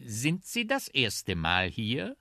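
A man voicing a slim, shy talking trumpet in a children's radio story, speaking softly and breathily. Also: medium pitch, huge pitch swings, slow pace, dry recording, studio quality, pitched above the performer's own voice, full character voice. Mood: polite, earnest. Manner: soft, breathy.

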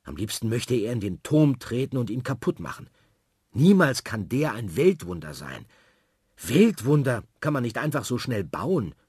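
A man reading a children's story aloud in a lively, expressive way. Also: mid-range voice, moderate pace, husky, no room sound, studio quality.

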